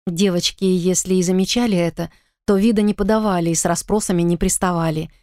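A woman giving steady first-person audiobook narration. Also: fairly low pitch, fast talker, no echo, clean studio sound.

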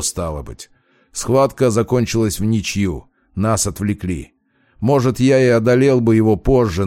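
A man voicing a weary, gruff old male wolf shapeshifter in an audiobook, speaking low and grumbling. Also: darkish tone, no room sound, clean studio sound, lightly acted. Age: older. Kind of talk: audiobook character voice.

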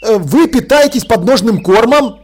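In an audiobook, a man plays a pushy young reporter who can't stop asking questions, his voice pitched up high and breathless with eagerness. He keeps begging and pressing for answers. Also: expressive, a little mellow. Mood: excited. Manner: breathless, pleading, rapid-fire questions. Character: eager young male newspaperman, pushy and excitable.

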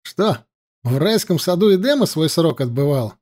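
A playful male companion poking fun at his friend, as a male reader puts him on. The voice is somewhat high and warm, mocking in a light way. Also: big pitch swings, moderate pace. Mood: teasing.

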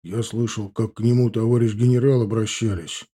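A man's voice: lowish voice, fairly even intonation, brisk, mellow. A male narrator voicing a grumbling, conspiratorial older father-in-law in an audiobook. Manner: gruff, confiding, drops to a whisper.

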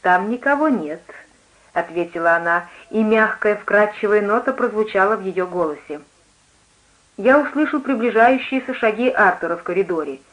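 A woman voicing a rough, blunt country woman who talks curtly and snaps at people. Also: mid-range voice, normal speed, lightly acted, poor audio. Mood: coaxing. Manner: curt and snappish. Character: rough, blunt grown woman innkeeper's cook.

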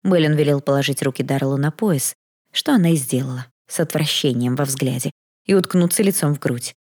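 Female audiobook narrator, low voice, even scripted reading. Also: fairly quick, husky.

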